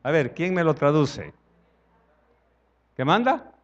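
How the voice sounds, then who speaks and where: A man's voice: a little high, very animated, slow, dull audio. A man with a Salvadoran Spanish accent preaching a conversational sermon in church, acting out dialogue and asking the congregation questions.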